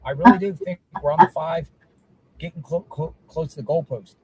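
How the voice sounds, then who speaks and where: A man's voice: on the high side, a little fast, over a noisy crowd. A man chatting casually on a livestream from a moving car, rambling and repeating himself, like dashcam audio. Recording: dashcam-like audio, loud road noise.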